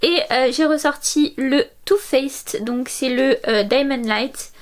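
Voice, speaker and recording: A young woman in her twenties talks through a makeup routine in a high, chatty voice. She fills her speech with little hesitations and praises products eagerly. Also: slow pace. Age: 20s. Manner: chatty, many fillers, enthusiastic about products. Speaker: beauty vlogger. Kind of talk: makeup tutorial narration.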